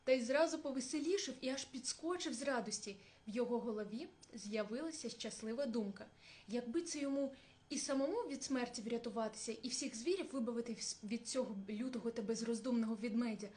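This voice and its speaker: A woman reading a fairy tale aloud with expressive storytelling. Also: a little high, quick pace.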